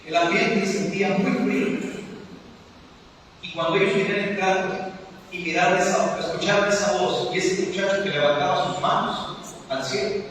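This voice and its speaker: A pastor from Mexico, a man with a high voice, tells a dramatic story from the pulpit and drops his voice low for the tense moments. He is heard from a distance in a large church hall with a long, booming reverb and faint ambient noise. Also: fairly even intonation, moderate pace, fairly bright tone. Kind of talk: sermon storytelling. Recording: distant mic in echoey hall.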